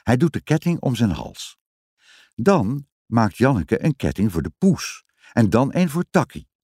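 A man reading a children's story aloud in an expressive, sing-song storytelling manner. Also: mid-range voice, measured pace, slightly rough, dry recording, studio quality. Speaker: narrator.

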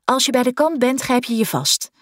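A woman voicing a young swimming teacher calling firm, reassuring instructions across a dark pool. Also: a little high, moderate pace, dry recording, clean studio sound, pitched above the performer's own voice, lightly acted. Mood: urgent, commanding. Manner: raised, firm, reassuring commands.

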